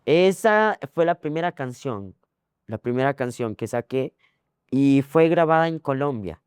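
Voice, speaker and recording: Young ecuadorian guy rambling thru his story, lots of repeats and fillers, smooth clear voice, dry close sound. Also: mid-range voice, animated, a little slow, no echo. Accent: Ecuadorian Spanish. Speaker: guest. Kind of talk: casual interview.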